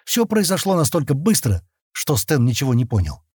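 A man narrating an audiobook in measured storytelling. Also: mid-range voice, very animated, a little mellow, husky, no echo, studio quality.

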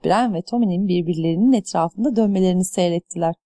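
A woman reading an audiobook in scripted narration, with a measured, even delivery. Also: on the low side, no echo, studio quality.

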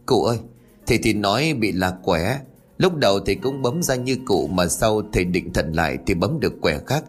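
A man's voice: fairly low pitch, animated, normal speed, faint music behind, close to an everyday voice. A man voicing an anxious young villager who explains urgently.

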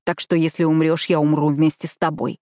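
A woman reading an audiobook, voicing a fierce, commanding young man who growls his words hoarsely through clenched teeth. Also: low voice, level tone, fairly quick, mellow, no echo, studio quality, natural voice. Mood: grim. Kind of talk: audiobook character voice.

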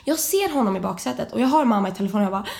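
A young woman, a podcast co-host, telling a story in casual chat and acting out the people in it. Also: creaky. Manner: animated, acts out quotes with sudden high shouts.

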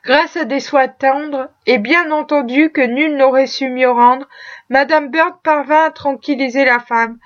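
Brief: female audiobook narrator, high voice, measured and expressive, muffled lo-fi recording. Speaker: audiobook reader. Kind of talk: scripted narration.

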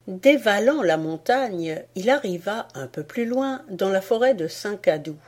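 A woman reading a folk tale aloud as an audiobook, in an expressive storytelling manner. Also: mid-range voice, unhurried. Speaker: audiobook reader. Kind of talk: storytelling narration.

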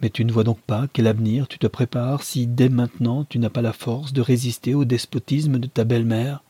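A man puts on a domineering middle-aged mother from a storybook, lifting his dark, husky voice a little higher as she lectures in a string of emphatic rhetorical questions. The sound is close and dry. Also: fairly even intonation, a little fast, dry recording, lightly acted. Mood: indignant.

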